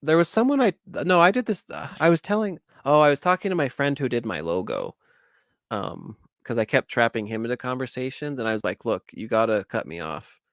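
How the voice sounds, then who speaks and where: A man's voice: mid-range voice, sing-song, brisk, no room sound, clean studio sound. A man co-hosting a casual toy live stream, joking dryly and sounding tired. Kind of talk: casual chat.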